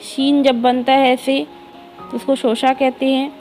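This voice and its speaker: A woman with an Indian accent, teaching an early reading lesson by spelling words out letter by letter, slow and drawn-out. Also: high voice, flat delivery, a little mellow, faint music behind, low-quality recording. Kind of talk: spelling lesson for young children.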